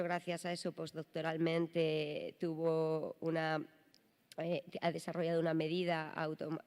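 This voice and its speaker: Woman presenting, flat tone, echoey hall. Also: on the low side. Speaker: congress presenter. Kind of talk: introducing a speaker. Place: conference hall. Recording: echoey hall with long reverb.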